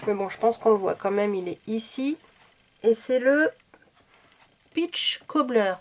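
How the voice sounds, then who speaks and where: A woman's voice: a little high, lively intonation, unhurried. A woman reviewing makeup in a chatty, self-deprecating way, a little sick and coughing now and then. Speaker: beauty vlogger.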